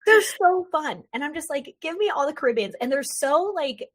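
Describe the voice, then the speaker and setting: A young woman hosting a podcast, chatty and animated, drifting into tangents and acting out quick voices. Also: sits high. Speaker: podcast host. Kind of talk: casual podcast conversation.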